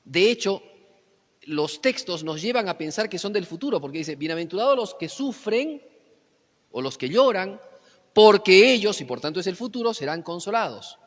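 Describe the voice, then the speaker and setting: A man preaching a sermon, teaching and often asking his listeners rhetorical questions, swinging between loud emphatic lines and quiet low ones. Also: big pitch swings, normal speed. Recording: long hall reverb.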